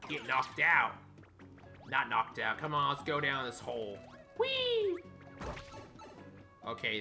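A young man with a medium-pitched, gravelly voice does excitable let's play commentary on a game. He yelps and shouts at it, cracks crude jokes, and talks to the characters.

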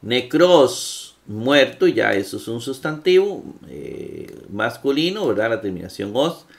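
A man's voice: medium pitch, sing-song, creaky. A man teaching Greek grammar in a classroom lecture, patient and full of fillers. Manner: slow, patient, with many fillers and checks.

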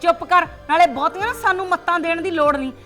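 A bitter, domineering grandmother who rules her house with sarcasm and scolding, played by a woman. Her voice sits high and cutting. Faint music runs behind her in this short drama film. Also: quick pace. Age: older. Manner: scolding, sharp-tongued, sarcastic.

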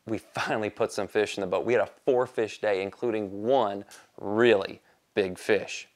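Fishing host explaining from a boat. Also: male voice, lowish voice, moderate pace, no room sound. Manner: excited on-the-water banter. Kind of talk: instructional fishing video. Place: outdoors on a boat on a lake.

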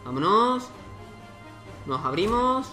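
A man gives loose, casual let's-play commentary, thinking aloud and breaking into exclamations. His voice sits a little high. Faint music plays underneath. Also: very animated, takes it slowly, sharp tone. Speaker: gaming YouTuber.

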